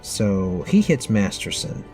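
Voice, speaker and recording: A man's voice: fairly low pitch, very animated, takes it slowly, music in the background. A man in his thirties narrating a tabletop game for a child as game master, patiently explaining the rules with plenty of fillers.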